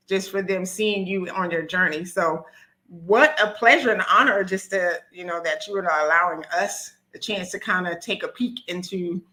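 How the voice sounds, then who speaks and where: Bright, excited woman hosting a live stream. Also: lowish voice. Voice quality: nervous, talkative, many ums and restarts.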